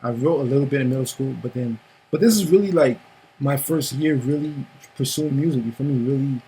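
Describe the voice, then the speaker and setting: A man's voice: medium pitch, a little fast, dark tone, slight background noise, low-quality recording. A young man from Haiti, raised in Miami, chatting easily as a guest musician and agreeing with "for sure" and "yeah". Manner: laid-back, agreeable, repeats "for sure". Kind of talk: casual interview chat.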